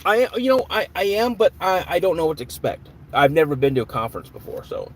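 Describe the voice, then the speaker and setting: A man's voice: high voice, very animated, quick pace, a little hiss or hum. A man hosting a live stream in a casual, chatty way, greeting viewers by name and answering their comments.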